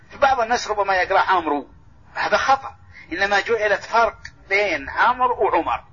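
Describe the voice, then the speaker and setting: A man's voice: high voice, pushed and bright, slightly rough. A man teaching a mosque lesson as sheikh, explaining and correcting points and restating them again and again, heard on a dull old tape recording. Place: large mosque lesson hall.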